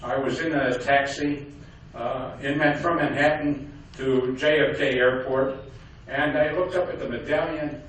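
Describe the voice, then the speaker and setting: An older man giving a speech to a community audience, halting with many fillers and restarts. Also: mid-range voice, steady tone, a bit bright, slight background noise. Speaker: guest speaker. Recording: echoey hall from far off.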